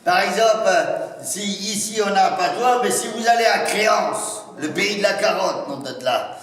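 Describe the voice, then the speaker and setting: A man with a Norman accent performs a folksy, teasing stand-up routine for a live crowd, peppering it with interjections and rural slang. His voice is high and slightly bright, at a normal pace. He's recorded from a distance in a large, echoey indoor hall.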